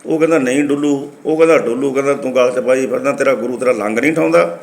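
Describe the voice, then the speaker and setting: A man's voice: mid-range voice, quick pace. A man preaching to a congregation, telling a story and acting out the people in it. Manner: lively storyteller acting out dialogue. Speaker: Sikh preacher. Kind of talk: storytelling sermon.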